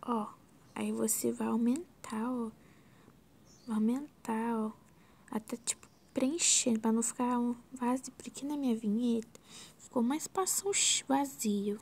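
A Brazilian woman walking through a video editing tutorial in a casual, scattered way, often sinking into a soft whisper and exclaiming to herself. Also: fairly high pitch, fairly even intonation, measured pace, vocal fry, breathy edge. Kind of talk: casual screen-recorded tutorial.

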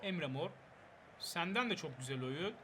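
A young man giving excitable live gameplay commentary, urging on and scolding his players. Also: fairly high pitch, measured pace, crowd noise. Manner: excitable, shouts at players, bursts of laughter. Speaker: gaming channel host.

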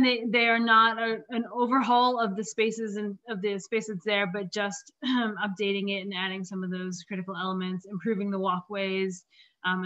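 A woman's voice: mid-range voice, a bit bright. Woman losing her voice, presenting plans. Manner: halting, many fillers and throat clearing. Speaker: park planner presenting at a community meeting. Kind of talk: presentation over slides. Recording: dull lo-fi meeting audio.

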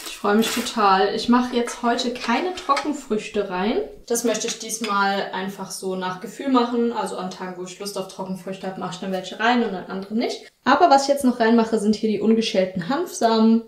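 A woman's voice: mid-range voice, moderate pace, hardly any pauses. A young woman chats her way through a cooking vlog in her home kitchen, thinking aloud as she goes. The camera mic picks her up from a little way off, so the kitchen sounds echoey, with a faint noise underneath. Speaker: cooking vlogger. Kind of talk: casual cooking vlog narration.

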